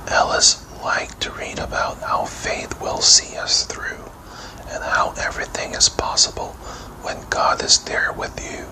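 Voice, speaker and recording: A man reads a children's fairy tale style bedtime story entirely in a breathy whisper. His delivery is very slow and gentle, with measured rhymed phrases in a soft ASMR manner. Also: low-quality recording.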